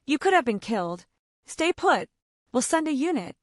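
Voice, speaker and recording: A man's voice: extremely high pitch, big pitch swings, moderate pace, no echo, pitched above the performer's own voice. A woman reading the lines of a weary male police detective in a dry, stern manner.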